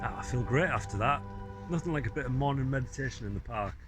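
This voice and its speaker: A man chatting casually to camera while walking around a city, relaxed and laughing easily. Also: mid-range voice, fast talker, music in the background. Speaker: travel vlogger. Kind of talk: casual travel vlog. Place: outdoors in a city and a park. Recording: outdoor street noise behind.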